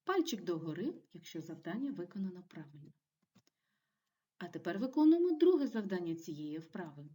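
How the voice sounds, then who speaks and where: A woman teaching a primary school video lesson, giving clear and encouraging instructions to young children. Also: lowish voice, big pitch swings, normal speed, mellow, far from the mic. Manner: clear, encouraging classroom delivery.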